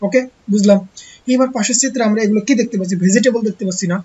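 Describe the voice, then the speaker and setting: A teacher gives an online textbook lesson to young pupils. The teacher asks rhetorical questions and answers them, slowly repeating key words. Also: medium pitch, darkish tone, dull audio, a little hiss or hum.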